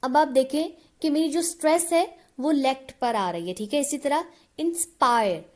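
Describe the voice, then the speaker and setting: A woman with a high, light voice teaches a literature lesson, mixing Hindi explanation with English terms. She talks patiently and keeps checking in with her viewers, slowing down to read definitions with care. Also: expressive, darkish tone. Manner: patient, checks in with "ठीक है?" often; reads English definitions slowly and deliberately.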